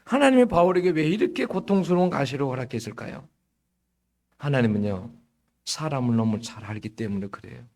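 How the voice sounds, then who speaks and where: A middle-aged man preaching a sermon as pastor, slightly hoarse, telling stories in a lively way and often checking in with the congregation. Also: medium pitch, brisk. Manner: lively storytelling with frequent rhetorical "응?".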